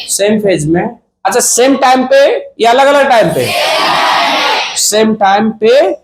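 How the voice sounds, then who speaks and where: A man's voice: sits high, background noise. A man teaching a physics class, asking the students questions, answering them himself and joking with them. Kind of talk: classroom lecture. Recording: echoey classroom with student crowd.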